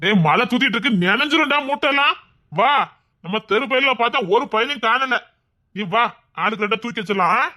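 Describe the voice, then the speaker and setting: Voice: mid-range voice, animated, fairly quick, sharp tone. A performer with a Tirunelveli accent playing a bossy village uncle in a comedy skit, nagging and giving orders. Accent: Tirunelveli Tamil.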